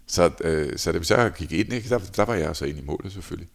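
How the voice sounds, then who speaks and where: Very deep, gravelly-voiced man telling stories. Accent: Danish. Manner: animated anecdotes, acts out shouted quotes. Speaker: former handball goalkeeper, guest. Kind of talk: casual interview storytelling.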